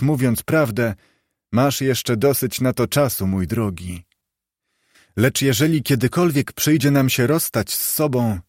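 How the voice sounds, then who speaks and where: A man reading the part of a humble, grieving clerk and father, in a warm and earnest tone. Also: mid-range voice, dry recording, clean studio sound, lightly acted. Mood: tender.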